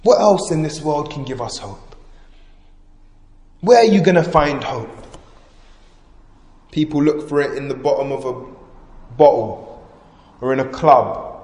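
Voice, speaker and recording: A man preaching a sermon fervently, rising to loud proclamation and dropping to hushed emphasis. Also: on the high side, animated, measured pace, pauses often. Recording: echoey hall with long reverb.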